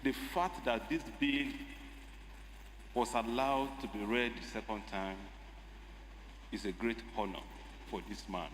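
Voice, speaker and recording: A man with a Nigerian accent addresses a legislative chamber in a measured, emphatic formal style. His voice carries the long echo of a large hall. A faint hum of noise sits behind it. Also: on the low side. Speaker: state lawmaker. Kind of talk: formal parliamentary speech.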